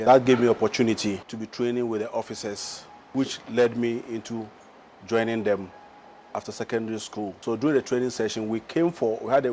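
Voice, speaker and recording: A man's voice: fairly low pitch, darkish tone, a little hiss or hum. A man, a former pastor, narrating his background in an interview. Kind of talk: testimony interview.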